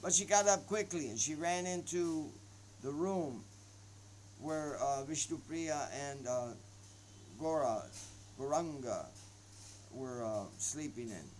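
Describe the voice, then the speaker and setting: A male storyteller with a slightly high voice speaks very slowly, pausing often and adding asides as he tells a devotional tale. A faint hum sits in the background. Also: a little mellow, low-quality recording. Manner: slow, hesitant, with many pauses and asides.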